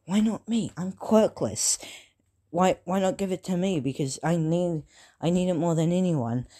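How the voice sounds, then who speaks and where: A storyteller voicing an anxious teenage boy with no powers, lifting the voice higher to sound pleading. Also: moderate pace, dark tone, natural voice.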